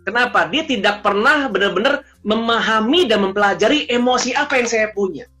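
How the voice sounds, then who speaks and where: A coach, telling stories in an animated way in casual chat and slipping in English phrases. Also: medium pitch, a little fast, soft background music. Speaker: emotional intelligence coach.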